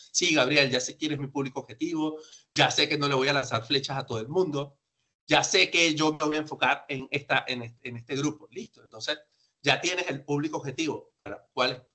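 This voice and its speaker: Sharp in tone and mid-range in pitch, this man's voice belongs to a sales trainer who grew up outside Peru and has since settled there. He presents in an informal, instructive manner, conversational and emphatic, regularly raising questions only to answer them himself.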